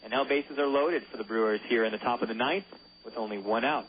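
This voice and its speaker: A man's voice: mid-range voice, quick pace, husky. Joking man calling baseball over a tinny line. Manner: loose and joking, stumbles over names. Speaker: play-by-play announcer. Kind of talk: radio baseball play-by-play. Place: ballpark broadcast booth. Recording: phone-line quality with faint hiss.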